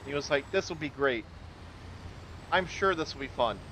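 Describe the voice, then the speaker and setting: A man's voice: medium pitch, lively intonation, moderate pace, sharp tone, a little hiss or hum. A man playing a driving game with friends, teasing his buddy in running commentary. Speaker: co-op gaming friend. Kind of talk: casual gaming chat.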